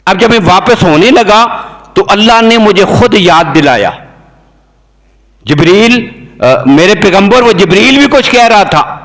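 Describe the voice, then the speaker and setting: A high-pitched man delivering a fervent religious sermon. His voice soars on the words he stresses, and it rings out with a long hall reverb behind it. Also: lively intonation, fairly bright tone. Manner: impassioned, voice leaping high on emphasized phrases. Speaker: mufti preacher.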